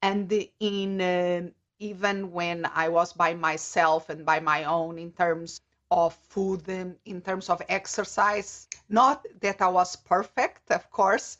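Low-voiced Portuguese woman, lo-fi audio. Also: fairly bright tone. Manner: thoughtful, measured, searching for words. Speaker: guest, coach. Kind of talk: casual interview.

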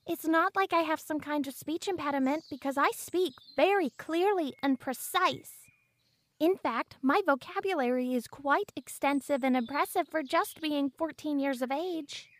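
A woman's voice: high-pitched, normal speed, dry recording, natural voice. A woman playing a smug, menacing teenage girl. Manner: overly formal, wordy, smug and condescending. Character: pompous, coldly menacing 14-year-old girl hunter. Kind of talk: audio drama acting.

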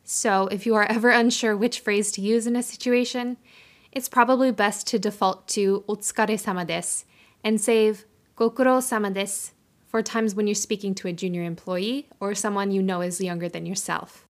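A woman's voice: mid-range voice, fairly even intonation. Podcast host woman teaching Japanese phrases. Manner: careful, slow syllable-by-syllable pronunciation of Japanese words. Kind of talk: scripted podcast intro and language tip.

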